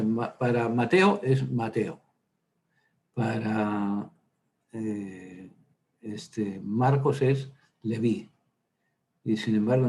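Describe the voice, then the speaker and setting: A priest with a fairly low, mellow voice leads a Bible workshop as an informal lecture. He talks in a chatty, digressive way, full of hesitant fillers and side stories.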